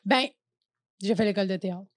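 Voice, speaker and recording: This comedian guest, a woman in her thirties with a Québécois French accent, rambles through a casual podcast chat full of fillers, restarts and frequent laughter. Her mid-range voice runs a little fast, recorded at studio quality without room sound.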